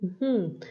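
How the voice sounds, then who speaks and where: A woman's voice: fairly high pitch, slightly rough. A woman teacher, patiently explaining a lesson and checking in with the class with frequent tag questions. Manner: patient, asks questions and tags "¿no?" often. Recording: dull lo-fi recording.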